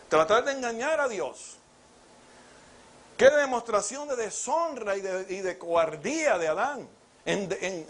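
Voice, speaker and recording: A man's voice: high voice, fairly bright tone. A man preaching a sermon with rhetorical questions, acting out biblical dialogue as he goes.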